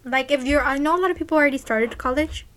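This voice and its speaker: A woman's voice: high voice, fast, a bit bright. A young woman in her late teens co-hosting a casual podcast, rambling and leaning on constant "like" fillers. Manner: rambling, filler-heavy with lots of "like". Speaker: podcast co-host. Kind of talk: casual chat.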